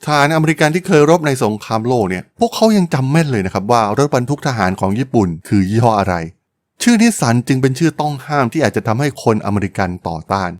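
A man's voice: medium pitch, big pitch swings, fast, dry recording. A man hosting a podcast, telling a business history story in a polite, chatty way with frequent exclamations. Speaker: podcast host.

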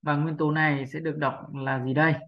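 A man giving a patient spoken pronunciation lesson, repeating sounds slowly and often asking for agreement. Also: fairly high pitch, level tone, dull audio. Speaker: English pronunciation teacher.

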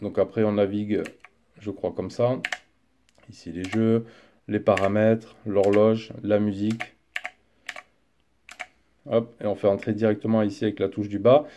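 A man casually reviewing a gadget as he unboxes it, chatty and relaxed, with frequent fillers. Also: lowish voice, measured pace, long pauses, dull audio, slight background noise. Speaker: tech reviewer. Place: indoor desk setup.

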